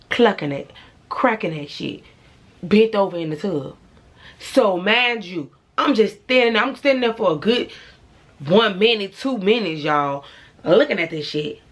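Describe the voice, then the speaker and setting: A woman's voice: medium pitch, animated, unhurried. A young woman vlogger telling a dramatic personal story to her viewers, blunt and profane, speaking straight to camera. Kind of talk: storytime vlog.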